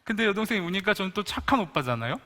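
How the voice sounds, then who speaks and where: A pastor preaches with a sharp, forceful tone, telling his story in lively scenes. His voice sits a little high for a man, and he jokes with the people listening. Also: very fast, slight background noise. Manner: animated storyteller who jokes with the congregation. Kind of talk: storytelling sermon.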